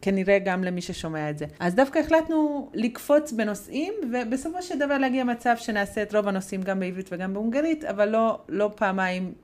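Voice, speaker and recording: Female co-host, middle-aged, Hungarian native, medium pitch, spontaneous and conversational, often correcting herself. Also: animated, hardly any pauses, a little mellow. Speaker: podcast co-host. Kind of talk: casual chat.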